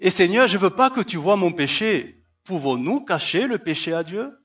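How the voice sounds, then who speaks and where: Animated male preacher, high lively voice. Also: normal speed, husky. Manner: animated, acts out Bible voices, rhetorical questions. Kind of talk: sermon. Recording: slightly muffled recording.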